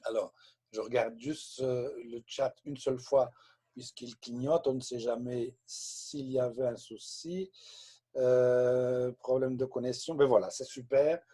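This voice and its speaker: A Belgian man about to turn sixty, hosting a live webinar as a sales trainer and talking off the cuff with many pauses and hesitations. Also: medium pitch, steady tone, warm tone, breathy edge. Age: 50s. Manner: unscripted and rambling, with frequent hesitations. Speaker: webinar host and network marketing trainer.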